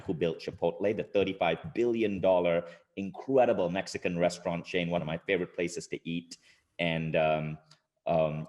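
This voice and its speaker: A man's voice: sits low, a little mellow. A man hosting a live interview in a casual, playful, teasing way. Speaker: interview host.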